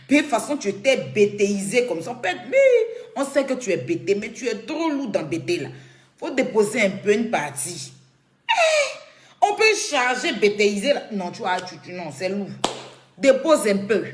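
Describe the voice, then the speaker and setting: A woman, giving casual, teasing commentary to camera and laughing often. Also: mid-range voice. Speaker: blogger commenting on a feud. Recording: echoey room.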